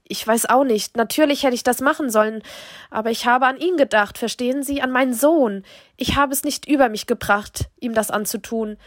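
A woman voicing a distraught mother who confesses through tears, halting and stammering. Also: a little high, dry recording, clean studio sound, lightly acted. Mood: tearful, halting.

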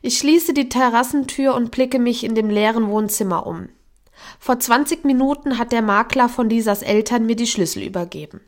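A woman reading a first-person audiobook in a calm, even storytelling manner. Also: a little high, normal speed. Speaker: audiobook narrator.

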